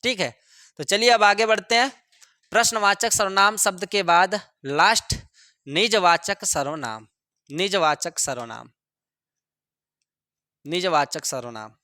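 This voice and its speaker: A male teacher giving a grammar lesson, repeating each example sentence slowly for students to copy. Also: high voice, sharp tone, dry recording, clean studio sound. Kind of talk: classroom lesson.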